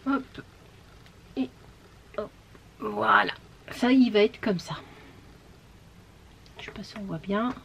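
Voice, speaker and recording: A woman chatting casually while showing her knitting, with many fillers, often trailing off into soft murmurs and whispers. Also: medium pitch, slow pace, gravelly, pauses often, a little hiss or hum. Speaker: knitting vlogger.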